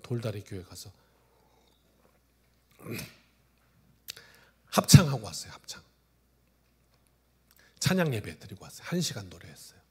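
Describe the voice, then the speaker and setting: A male pastor in his forties preaching a sermon, telling stories, swinging from loud exclamations to hushed asides. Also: fairly low pitch, sing-song, a little slow, long pauses, slightly rough. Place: church sanctuary.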